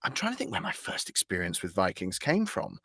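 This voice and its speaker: In a conversational interview, a male voice actor appears as a guest, speaking wordily and articulately with whimsical turns of phrase. His mid-range voice swings hugely in pitch and moves fairly quickly, creaky and sharp with a breathy edge. The recording is clean studio sound with no room sound.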